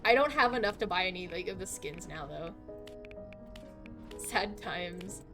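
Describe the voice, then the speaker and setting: A woman's voice: on the low side, animated, unhurried, music in the background. A woman chatting casually on a game livestream in a hyped, slangy gamer manner, exclaiming and giggly. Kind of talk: casual, excitable gaming livestream chat.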